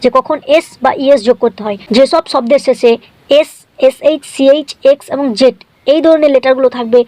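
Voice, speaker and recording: A woman teaching English spelling in a scripted video lesson, explaining briskly and often checking in with the viewer. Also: sits high, darkish tone, no echo.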